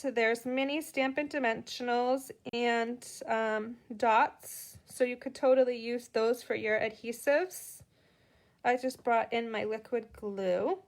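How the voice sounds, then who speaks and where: A middle-aged woman with a Boston accent chats through a live card-making tutorial, greeting viewers as she works. Her voice is high.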